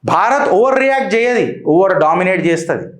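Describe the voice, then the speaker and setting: Telangana-accented male commentator, high voice, mocking and rhetorical, recorded in an echoey room. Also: animated, brisk. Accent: Telangana Telugu. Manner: mocking, rhetorical questions to the audience. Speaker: political commentator. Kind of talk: heated political commentary.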